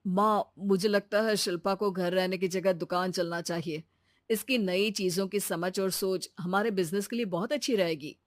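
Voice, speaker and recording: A woman acts out a reasonable young husband and son in a cartoon family drama. The voice sits at medium pitch, explaining calmly and reassuringly, in a dry recording. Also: moderate pace, no room sound, close to an everyday voice. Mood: suggesting. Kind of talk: Hindi cartoon story dubbing.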